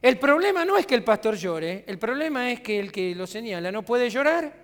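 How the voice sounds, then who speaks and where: A man's voice: extremely high pitch, sing-song, normal speed, big-room sound. A man with a Rioplatense Argentine accent preaching a conversational sermon as pastor, asking his congregation rhetorical questions. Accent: Rioplatense Spanish. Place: church sanctuary.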